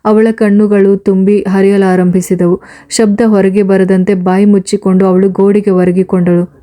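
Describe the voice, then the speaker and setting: A woman narrates a serialized audiobook story. Her pitch stays flat and level, and her tone is mellow and dark. The delivery is steady and measured.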